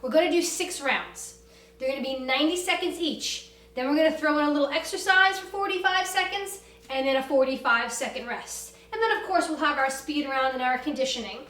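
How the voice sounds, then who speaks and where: High-pitched woman coaching a workout, echoey. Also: fairly bright tone. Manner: brisk, commanding, motivational coaching. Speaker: fitness class instructor. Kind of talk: energetic workout instruction with cues and countdowns. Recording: roomy echo, distant from the mic.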